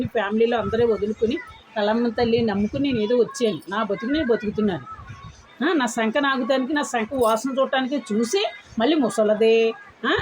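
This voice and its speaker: Older woman vlogger, higher voice, coarse scolding rant at viewers. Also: background noise. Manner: scolding, coarse, repeated insults; addresses viewers with polite "andi" between insults. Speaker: vlogger answering commenters. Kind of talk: angry direct-to-camera rant.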